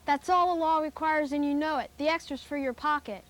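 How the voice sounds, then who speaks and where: Woman as Simon, a high-voiced defiant townsman. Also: fairly quick, close to an everyday voice. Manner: blunt, indignant. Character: defiant, honest townsman Simon, wronged male taxpayer.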